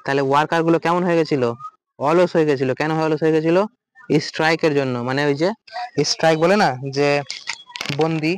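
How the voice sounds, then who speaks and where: A man's voice: on the high side, clean tone, low-quality recording. A man with a Bengali accent teaching an exam-prep vocabulary lesson, asking questions and answering them himself. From West Bengal, India.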